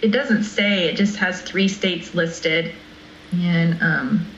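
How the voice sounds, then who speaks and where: A woman's voice: on the low side, slow, a bit bright, dull audio, slight background noise. A woman board member asking questions at a meeting, uncertain and conversational.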